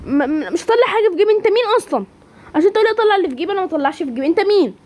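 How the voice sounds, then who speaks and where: A woman with an Egyptian Arabic accent voicing a timid young woman who stammers in a high, fearful voice. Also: very animated, rapid-fire, a little mellow, a little hiss or hum. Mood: scared, indignant. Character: timid young woman, frightened then shy.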